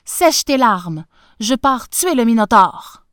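A woman's voice: fairly high pitch, very animated, slow pace, a bit bright, dry recording, studio quality, heavily acted. A woman voicing a bold, eager young prince, earnest and impassioned.

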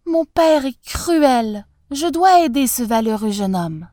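A woman voicing a devoted young princess, soft and pleading. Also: sits high, lively intonation, slow pace, no echo, studio quality.

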